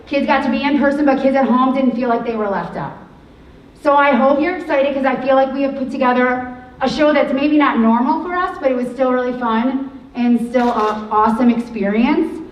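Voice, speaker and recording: A woman's voice: high-pitched, fairly quick, highs cut off. Chatty woman welcoming a school play audience. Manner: chatty, rambling, enthusiastic. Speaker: drama teacher and director. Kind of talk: welcome speech to a live audience. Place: school auditorium stage. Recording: echoey hall, far from mic, faint hiss.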